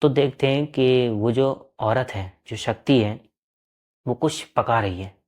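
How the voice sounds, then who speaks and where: A man's voice: mid-range voice, slow pace, darkish tone. A man telling a true horror story in a plain, conversational way. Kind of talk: storytelling narration.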